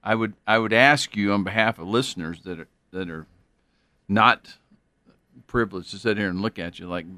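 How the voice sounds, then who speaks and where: A man's voice: fairly low pitch, normal speed, bright, forceful tone, no room sound. A man hosting an interview on faith, talking earnestly and rambling with many fillers. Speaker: interview host.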